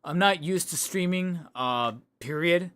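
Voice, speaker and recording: This streamer speaks in a high-pitched, smooth, somewhat bright voice and takes his time. Talking into a desk microphone at home, he rambles chattily through a casual livestream, correcting himself as his voice tires.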